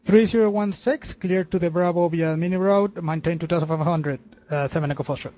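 A male pilot makes radio calls in a high voice. He talks fast with slightly hesitant, informal phrasing. The cockpit radio sounds muffled. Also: darkish tone, dry recording. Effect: aviation radio transmission. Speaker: private light-aircraft pilot.

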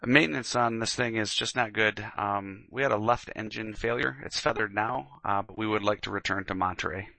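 A man's voice: on the low side, moderate pace, gravelly, few pauses, sharp tone, no echo, rough recording. A man working as a pilot, making procedural radio calls and readbacks.

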